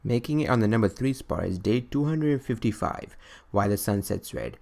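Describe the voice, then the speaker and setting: Fairly low-pitched and darkish, with vocal fry and lively intonation, this young man talks at a normal speed. He's a video creator ranking his favourite games, chatting conversationally, wandering off track and questioning himself.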